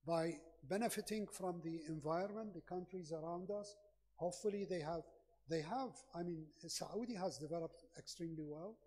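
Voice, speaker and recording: A high-voiced, rough-edged man with as his gives a podium speech in a reverberant hall. He is emphatic and persuasive, punctuating points with rhetorical questions. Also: moderate pace, darkish tone. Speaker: conference speaker. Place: large conference hall.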